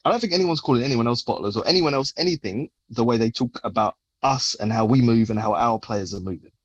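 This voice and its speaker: A man's voice: medium pitch, quick pace, breathy edge, muffled recording. A man in an opinionated, casual football chat, talking emphatically with slang and swearing. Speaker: football fan podcast panellist.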